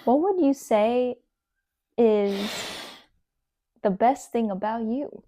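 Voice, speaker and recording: A woman's voice: a little high, slow pace, mellow. A woman in a casual chat, asking the host playful questions.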